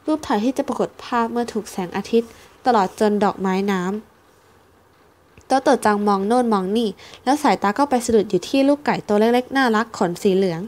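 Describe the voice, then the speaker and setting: Woman narrator, storybook reading, somewhat high voice, steady and careful. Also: normal speed.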